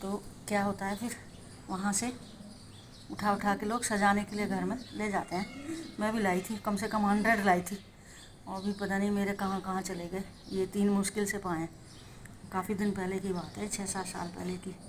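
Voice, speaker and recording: A woman hosts a home gardening channel, giving a casual show-and-tell demonstration in a chatty, homely way and constantly checking in with the viewer by asking "है ना". Her mid-range voice moves little in pitch at a moderate pace, with background noise present.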